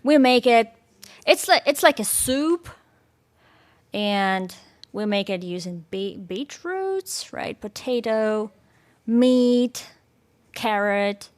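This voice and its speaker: A woman's voice: on the high side, lively intonation, slow pace, pauses often. A woman from Ukraine with a Ukrainian accent, giving an informal talk to an audience, hesitant and searching for words. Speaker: guest speaker. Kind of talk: informal presentation with audience quiz.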